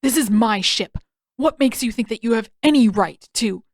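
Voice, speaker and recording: A woman's voice: medium pitch, normal speed, dry recording, studio quality, close to an everyday voice. A woman voicing a hot-tempered young male prince in a fan audiobook reading, snapping and indignant. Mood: furious.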